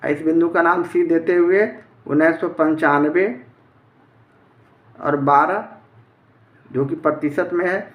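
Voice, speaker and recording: A man's voice: fairly high pitch, steady tone, slow pace, long pauses, narrow, tinny audio. A man teaching a step-by-step math lesson, explaining methodically in a plain way. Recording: echoey room.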